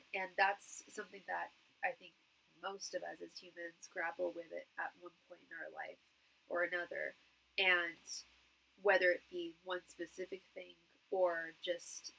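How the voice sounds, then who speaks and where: A woman with a fairly low but very bright, forward voice and a nasal tone. She works through a tarot reading as a psychic medium, addressing one person directly. Her phrasing is halting, with repeated words as she feels her way to each point. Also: flat delivery, creaky, poor audio. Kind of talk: live tarot reading, speaking intimately to one client.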